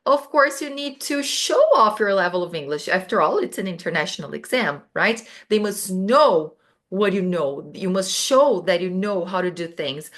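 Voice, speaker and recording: A woman's voice: mid-range voice, fairly bright tone. A woman from Brazil with a Brazilian Portuguese accent, a native Portuguese speaker, giving a chatty, casual English lesson with frequent restarts and asides. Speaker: English teacher.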